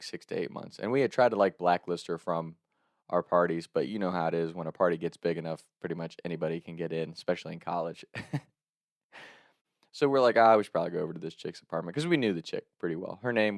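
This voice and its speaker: A young man with a fairly low voice tells a true story in a loose, animated way. He laughs often and acts out the quotes. The recording is close and dry. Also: fast talker, gravelly, dry recording. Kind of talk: casual storytelling.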